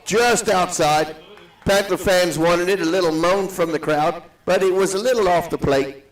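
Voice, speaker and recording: A man calling a softball game live in a steady, matter-of-fact way, his voice ringing with a cave-like echo. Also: high-pitched, normal speed, far from the mic. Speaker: play-by-play announcer. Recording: echoey booth, set back from the mic.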